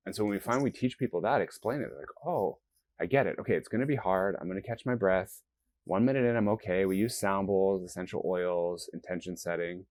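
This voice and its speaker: A man's voice: low-pitched, darkish tone. A man being interviewed as a company founder, explaining earnestly and acting out the thoughts of nervous people. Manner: earnest, explanatory, acts out quoted self-talk. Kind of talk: interview conversation.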